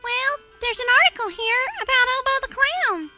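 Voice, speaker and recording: A woman's voice: very high voice, lively intonation, moderate pace, over loud music. A woman voicing a perky, helpful young girl friend in a children's cartoon, chirpy in manner.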